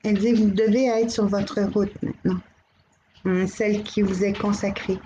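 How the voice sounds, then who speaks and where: A middle-aged woman with a Québécois accent, hosting a live channeling stream, gently relaying messages and greeting viewers by name. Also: mid-range voice, flat delivery, moderate pace, lo-fi sound, a little hiss or hum. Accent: Québécois French. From Quebec.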